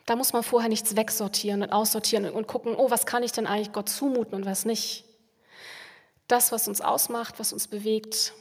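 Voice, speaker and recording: A woman speaking as a pastor in a calm, reflective way, repeating phrases for emphasis. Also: a little high, brisk, breathy edge. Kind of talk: spiritual reflection on prayer. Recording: long hall reverb.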